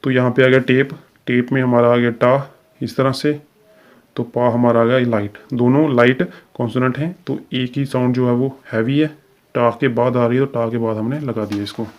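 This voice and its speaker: On dull audio, a man teaching shorthand guides listeners through a recorded lesson at an unhurried, steady pace. His ordinary mid-range pitch stays level with little movement, and he pauses with small fillers while explaining each step.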